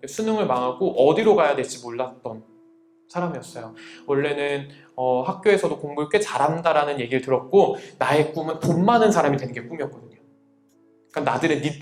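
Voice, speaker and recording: A young man, a youth minister, telling a story in a sermon to young people, animated and often laughing as he acts out other people's voices. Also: a little high. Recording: echoey room with faint music. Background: faint music.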